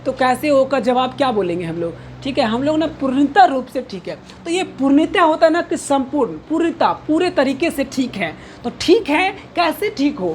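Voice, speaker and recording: A woman's voice: high voice, a little mellow, slight background noise. A woman teacher giving a pronunciation lesson, explaining words and drilling each one aloud over and over, asking and answering her own questions. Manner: drills each word by repeating it many times, asks and answers own questions. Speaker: English teacher.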